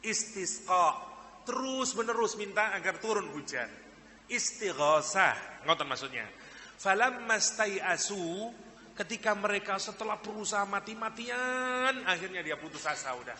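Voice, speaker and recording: A man's voice: sits high, animated, normal speed, sharp tone, long reverb tail, a little hiss or hum. A man with a Javanese accent preaching a sermon, telling stories and acting out the people in them. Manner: acts out the people in his stories, mixing in Javanese phrases. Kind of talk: sermon with storytelling.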